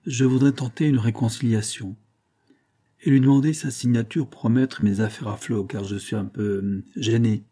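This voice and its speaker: A ruined glassmaker with a sneering, acid tongue, as a male reader puts him on, his voice lifted a touch and pushed with sudden heat. The tone stays dark and mellow underneath. An audiobook character, all bitterness and scorn. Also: mid-range voice, moderate pace, natural voice. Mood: sardonic. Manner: acerbe, mocking, with heated bursts. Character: bitter, sardonic ruined glassmaker, middle-aged man.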